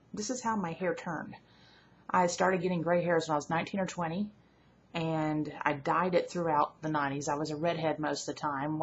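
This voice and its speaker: A woman in her thirties from Alabama, with a mild Southern accent and a deep, gravelly voice, chats candidly to her webcam at home as a vlogger, often correcting herself mid-sentence. The casual talk to camera is recorded indoors with dull lo-fi webcam audio and a faint hiss.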